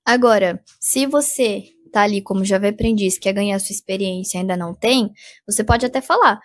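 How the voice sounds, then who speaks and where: A young Brazilian woman with a Brazilian Portuguese accent, chatting casually through advice in a vlog, animated and full of fillers. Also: mid-range voice, fairly quick. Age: young adult. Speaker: vlogger giving job interview advice.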